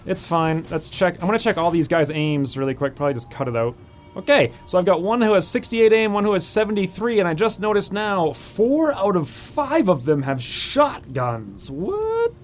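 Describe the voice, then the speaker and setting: A man's voice: high-pitched, animated, moderate pace, soft background music. A man hosting a let's play, talking casually through his gameplay and thinking aloud with frequent fillers. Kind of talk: gameplay commentary.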